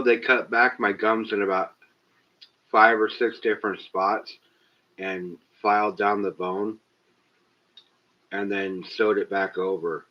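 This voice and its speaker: A man hosting a casual live stream, cursing a lot and talking straight to viewers in chat. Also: low voice. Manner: profane, exasperated, talks straight to chat. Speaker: livestream host. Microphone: cheap webcam built-in mic. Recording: dull lo-fi webcam mic.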